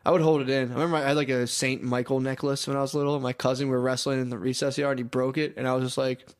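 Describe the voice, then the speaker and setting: A man's voice: very fast, smooth. A man co-hosting a podcast, telling stories in casual comedic chat and breaking into whiny crying voices. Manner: animated storyteller, breaks into high whiny crying impressions. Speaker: podcast co-host.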